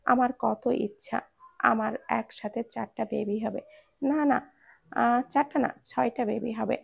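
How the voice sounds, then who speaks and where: A woman's voice: on the high side, fairly even intonation, unhurried, creaky, breathy edge, exaggerated voice. A woman reading the lines of a stubborn, easily frightened young bride, pleading and indignant.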